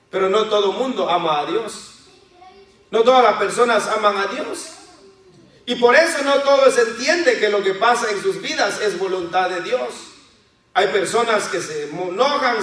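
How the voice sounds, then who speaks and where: A man's voice: high-pitched, a bit bright. A man preaching a sermon, asking the congregation questions and calling them brothers and sisters. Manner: acts out voices of children and believers in quotes. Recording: very echoey hall, voice from far off.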